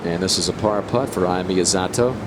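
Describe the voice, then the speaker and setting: A man anchoring live television commentary on a golf tournament as a golf commentator. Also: a little fast. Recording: steady outdoor rumble behind voice.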